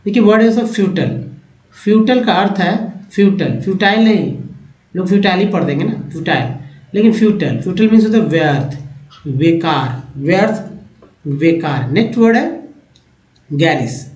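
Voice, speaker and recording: A man with a fairly high voice teaches English vocabulary in Hindi, going over each word slowly and more than once. His voice jumps up when a new word comes in. The room gives the sound a noticeable echo. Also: lively intonation, darkish tone, highs cut off. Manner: explains each word slowly, repeating it, rising emphasis on new words. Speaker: English teacher and channel host. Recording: echoey room.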